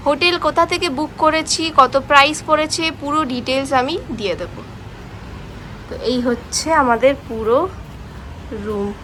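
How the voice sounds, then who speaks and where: A woman's voice: high-pitched, steady tone, moderate pace, long pauses, a bit bright, a little hiss or hum. A woman gives a hotel tour in casual vlog narration. She gushes with praise and fills her talk with "মানে". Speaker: travel vlogger. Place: hotel room and grounds.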